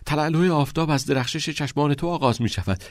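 A man's voice: a little high, no echo, studio quality, pitched above the performer's own voice, lightly acted. A man doing a bold teenage schoolboy. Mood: earnest.

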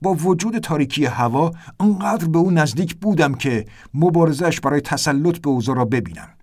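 A man narrating an audiobook in a tense, vivid way. His voice sits slightly high for a man, and his delivery is steady and dramatic throughout.

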